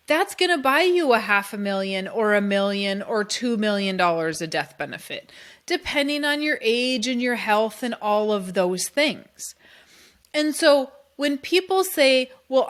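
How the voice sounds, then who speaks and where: A middle-aged woman, a podcast host and insurance advisor, explains insurance in a casual, emphatic, conversational solo podcast, quoting clients in asides. Her voice is fairly high-pitched and a bit bright.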